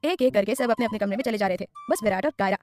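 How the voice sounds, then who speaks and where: A woman storyteller narrating a serial story in a brisk, even reading. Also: mid-range voice, soft background music.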